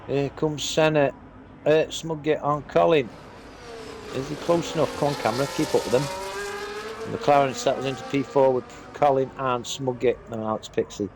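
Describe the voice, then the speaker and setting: Man commentating a sim race over noise. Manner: excited, rising pitch in close battles; fillers and brief pauses while following the action. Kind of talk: live sim racing commentary.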